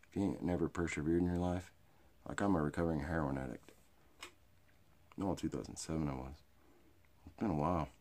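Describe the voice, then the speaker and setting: An American man in middle age talks like a rowdy redneck, with a folksy hick drawl. His voice sits extremely low and is full of gravelly fry and rasp. He rambles crudely and off the cuff, as in a homemade sit-down comedy monologue. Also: a little mellow. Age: middle-aged. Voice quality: gravelly, raspy. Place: small cluttered indoor storage room or workshop. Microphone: phone or webcam at arm's length.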